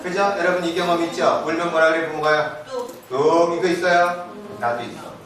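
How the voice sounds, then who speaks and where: A man giving a live parenting lecture to an audience, animated, asking questions and answering them himself, moving between casual and polite speech. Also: a little high, fast talker. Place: lecture hall. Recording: very echoey hall, distant mic, noisy.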